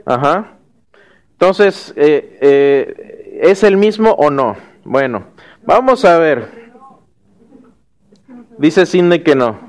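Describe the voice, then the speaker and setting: High-voiced man teaching a class. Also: animated, very slow, pauses often. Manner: checks in with frequent "¿sí?" and restarts words. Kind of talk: classroom lecture with questions to students.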